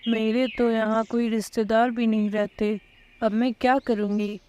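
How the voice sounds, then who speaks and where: A woman's voice: a little high, flat delivery, darkish tone, smooth, dull audio, natural voice. A woman voicing a female bird who pleads with her friend and later forgives her. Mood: pleading.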